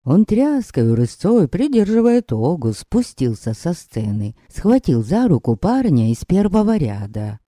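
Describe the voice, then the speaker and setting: Slow, wry male audiobook narrator. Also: a little high, big pitch swings, dark tone, no room sound, clean studio sound. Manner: wry, unhurried storytelling. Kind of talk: scripted narration.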